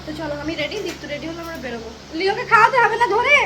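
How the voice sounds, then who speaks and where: A woman's voice: extremely high pitch, very animated, very fast, noisy background. A young woman, chatting casually and rambling through stories for her vlog. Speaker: vlogger. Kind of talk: casual vlog chat and voice-over.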